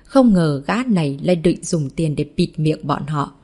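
Low, mellow-voiced woman narrator. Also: expressive, normal speed. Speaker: audiobook narrator. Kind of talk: scripted novel narration.

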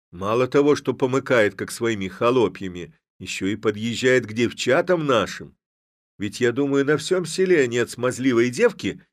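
A man's voice: medium pitch, no echo, studio quality, voice pushed up, natural voice. A man voicing a hot-tempered young Cossack lad who mocks and rouses his friends. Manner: mocking, rousing.

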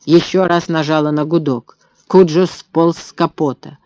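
A man reading an audiobook in steady, tense scripted narration. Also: fairly high pitch, unhurried, dry recording. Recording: dull lo-fi dry recording.

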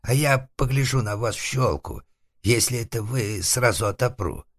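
A man voicing a timid, easily frightened hermit who whines and wails in a shrill, trembling voice, in an audiobook. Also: moderate pace, slightly rough. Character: frightened, whimpering male hermit behind a door.

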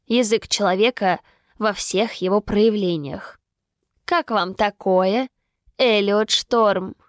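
A calm male professor lectures slowly about a hidden danger, every word weighed and faintly ominous, as a woman reads him aloud. The voice sits in a plain middle register. The sound is dry and close. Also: mid-range voice, no echo, close to an everyday voice. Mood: lecturing. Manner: slow, measured, lecturing.

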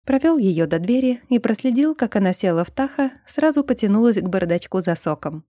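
This is scripted storytelling from a female audiobook narrator, whose mid-range voice stays steady and measured throughout. Her delivery comes through studio-quality, dry audio.

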